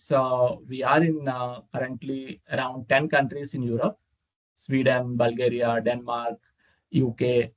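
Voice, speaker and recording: A man answering questions over a video call. He explains step by step in a halting way, with lots of "uh" fillers, and his voice sits at an average pitch. The call audio is somewhat dull and muffled. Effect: heard over a video call. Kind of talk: unscripted Q&A explanation.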